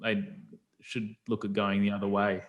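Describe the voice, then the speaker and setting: A man's voice: lowish voice, monotone, moderate pace, lo-fi sound. A man hosting a casual interview, prompting with questions and brief agreements. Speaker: podcast host.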